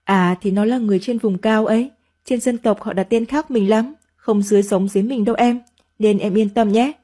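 A woman's voice: mid-range voice, fairly even intonation, fairly quick, dark tone, close to an everyday voice. Woman reading as a weary married man. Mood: evasive.

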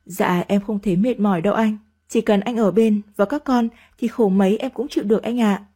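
A woman voicing a meek young wife and mother who speaks softly and politely. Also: medium pitch, fairly quick, slightly rough, lightly acted. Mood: gentle. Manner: soft, polite and submissive.

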